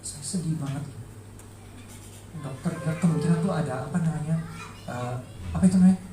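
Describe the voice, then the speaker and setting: A man's voice: a little high, brisk. A middle-aged man giving an emotional testimony at church, emphatic and heartfelt, repeating words for stress. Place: large church hall. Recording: echoey hall, distant mic, faint music.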